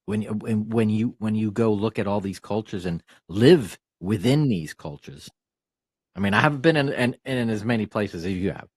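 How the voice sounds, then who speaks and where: Male host, low and husky, halting casual delivery, dry close recording. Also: darkish tone, no room sound. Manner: halting, with restarts. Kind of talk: casual interview talk.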